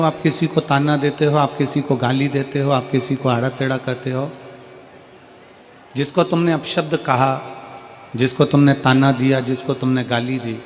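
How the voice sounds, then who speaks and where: A man's voice: a little high, long reverb tail. A man preaching a devotional sermon to a large gathering, building his points through repetition and questions put to the crowd.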